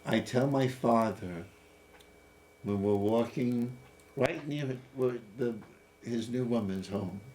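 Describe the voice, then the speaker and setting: A man's voice: mid-range voice, slow, a little mellow. Playful musing man in his fifties. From United States. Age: 50s. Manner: playful, musing, laughs easily. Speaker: host. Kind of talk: casual chat about scripture. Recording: faint background noise.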